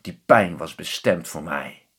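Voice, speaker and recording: A man reading a grim middle-aged fisherman father from a storybook. His voice is low and husky, grave and heavy. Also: expressive, unhurried, full character voice.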